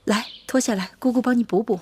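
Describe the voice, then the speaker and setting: An actress playing a gentle, protective palace aunt in a period drama, speaking softly and soothingly. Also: female voice, a little high, quick pace, slight background noise, natural voice. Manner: soft, soothing, coaxing. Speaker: palace aunt caring for a young princess. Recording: drama score under dialogue. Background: background music.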